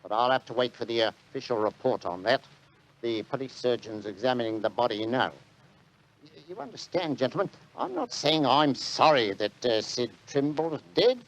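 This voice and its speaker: An actor playing a blunt, dogged working-class London police inspector with halting, colloquial speech in a 1940s radio drama. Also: male voice, mid-range voice, expressive, slight background noise, natural voice, low-quality recording. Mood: dogged, skeptical. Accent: London working-class English.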